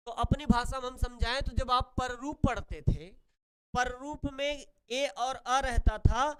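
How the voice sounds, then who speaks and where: A man's voice: extremely high pitch, smooth. A man teaching Sanskrit grammar in a classroom-style lesson, who asks and answers his own questions and repeats key words. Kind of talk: classroom lesson explaining rules.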